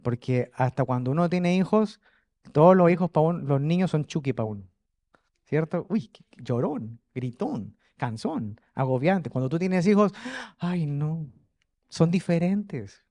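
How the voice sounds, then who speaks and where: Male preacher, higher voice, animated and jokey, close dry sound, addressing a congregation. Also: a little slow, dry recording. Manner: animated, jokey, shifts from quiet asides to loud exhortation. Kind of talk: lively Spanish-language sermon. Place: church in front of a congregation.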